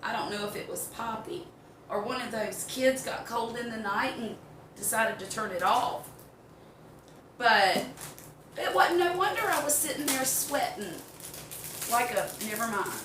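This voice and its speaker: A woman's voice: on the high side, expressive, unhurried, pauses often. An older woman with a Southern US accent chatting casually in a folksy, rambling way as she gives a home cooking demonstration. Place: home kitchen. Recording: roomy, distant mic, background noise.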